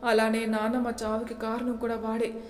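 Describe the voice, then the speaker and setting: A woman voicing a moody young husband with a curt, gruff manner, in a storybook reading. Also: on the high side, completely flat delivery, moderate pace, darkish tone, lightly acted. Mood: brooding. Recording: echoey room with long reverb.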